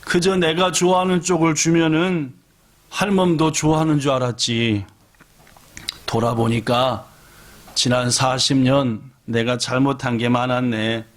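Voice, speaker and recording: A man voicing an elderly husband in his sixties who shouts back at his wife, later musing on his own regrets, within a sermon story. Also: mid-range voice, steady tone, a little slow, close to an everyday voice. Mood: regretful musing. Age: older. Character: old husband, stubborn then remorseful.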